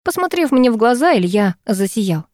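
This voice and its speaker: A woman reading a first-person novel aloud, with a wry, expressive delivery. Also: a little high, normal speed, no room sound, clean studio sound. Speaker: audiobook narrator.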